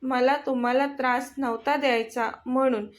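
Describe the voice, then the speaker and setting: A woman voicing a shy young woman in love, speaking softly with mock annoyance. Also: sits high, fairly even intonation, moderate pace, lightly acted.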